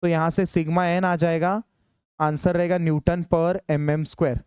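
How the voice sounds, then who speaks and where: A man teaching engineering in a classroom, dictating formulas slowly and urging students to hurry. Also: on the high side, little pitch movement, a little mellow, smooth, no room sound, clean studio sound. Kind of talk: classroom lecture solving problems.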